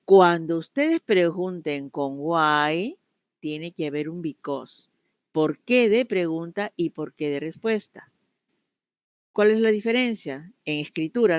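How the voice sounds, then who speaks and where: Woman, English teacher, online class, low-ish voice, dry sound. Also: clear, resonant tone, no room sound. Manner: explains step by step, switching between Spanish and English examples.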